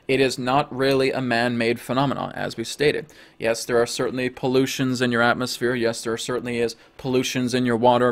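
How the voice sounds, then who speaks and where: A calm, preachy spirit guide, channeled by a hoarse man, delivers a slow, emphatic teaching in a mid-pitched voice. It speaks for a collective "we", leaning hard on its repeated phrases. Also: lightly acted. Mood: lecturing.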